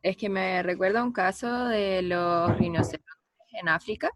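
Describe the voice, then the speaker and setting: A woman's voice: fairly low pitch, unhurried, dry recording. A young woman, a student making an informal comment in a class discussion.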